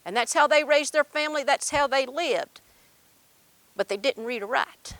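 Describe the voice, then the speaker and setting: A woman's voice: high-pitched, moderate pace, fairly bright tone, no echo. An older woman with an Appalachian accent, telling stories and memories in a folksy, emphatic way with dialect grammar. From Appalachian Mountains, Kentucky, USA. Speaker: storyteller. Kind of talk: live oral storytelling and personal reminiscence.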